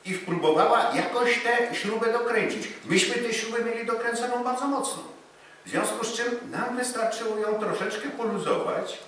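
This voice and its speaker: A man's voice: medium pitch, a bit bright, a little hiss or hum. Middle-aged guy giving a sailing lecture, lots of ums, echoey room, mic kinda far. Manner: talks with many fillers, gesturing and pointing at the screen. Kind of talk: lecture with slides. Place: lecture room with a projection screen. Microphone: far camera, no visible mic.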